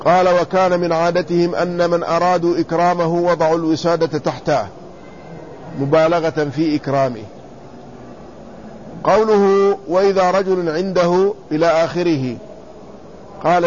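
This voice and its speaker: A man teaching a lesson in classical Arabic, reading quoted commentary and then explaining it, repeating words slowly to spell out their vowels. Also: fairly high pitch, a little mellow. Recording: slightly dull lo-fi recording with faint room noise.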